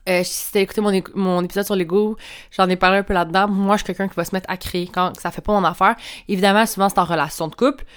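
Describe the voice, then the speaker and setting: A woman's voice: mid-range voice, steady tone, fast, clear, resonant tone. Chatty Québécois woman podcasting at home. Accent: Québécois French. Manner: chatty and candid, swears freely, laughs often. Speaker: podcast host. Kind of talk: casual solo podcast monologue. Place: room at home. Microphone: clip-on mic.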